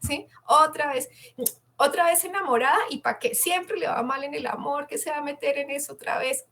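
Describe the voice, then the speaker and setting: A woman voicing a scornful inner critic that fires off quick, scolding rhetorical questions. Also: high-pitched, fairly bright tone, pitched above the performer's own voice.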